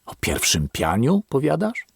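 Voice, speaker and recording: A man reading an audiobook, voicing a superstitious, wary old grandfather who grumbles and mutters slowly. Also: fairly low pitch, sing-song, creaky, a little mellow, no room sound, exaggerated voice. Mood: suspicious.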